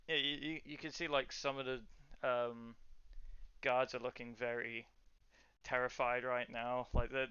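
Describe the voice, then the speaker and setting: A man's voice: mid-range voice, sharp tone, smooth, no room sound, dull audio. A man narrating a tabletop game as game master, hesitant with many fillers and restarts.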